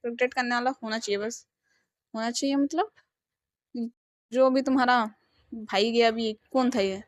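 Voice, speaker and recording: Gentle reassuring man, soft-spoken, read by a woman. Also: on the high side, fairly even intonation, normal speed, no echo, studio quality, close to an everyday voice.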